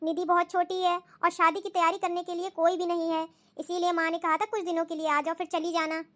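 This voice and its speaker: A woman voicing a polite, dutiful young daughter-in-law in a cartoon, pleading and soft-spoken. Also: very high-pitched, little pitch movement, a little fast. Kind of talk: cartoon voice acting.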